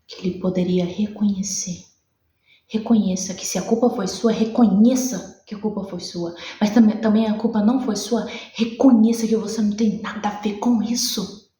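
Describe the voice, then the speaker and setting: A woman's voice: mid-range voice, fairly even intonation, moderate pace, warm tone, roomy sound. A woman with a Brazilian Portuguese accent preaching a sermon, emphatic and repetitive, acting out conversations.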